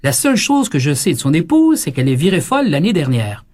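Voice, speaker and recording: Québécois priest telling a story in his sermon, lively, acts out who said what. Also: on the high side, fast. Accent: Québécois French. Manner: lively storytelling, acting out quoted dialogue.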